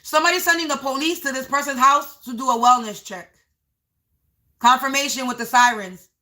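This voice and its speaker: A woman with a high, bright voice gives a live psychic reading, describing visions as they arrive in her head. She repeats her phrases and stretches out key words for weight. The voice sits well above most women's and has a sharp, forward edge. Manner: unscripted, narrating visions as they come; repeats phrases, drawn-out emphasis. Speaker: psychic reader.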